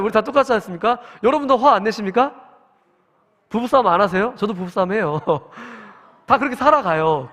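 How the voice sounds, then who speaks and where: A man's voice: high voice, a bit bright. A man in his forties, a pastor, preaching a sermon in an earnest, conversational way and asking the congregation questions. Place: church sanctuary at early-morning service. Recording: long reverb in a church hall.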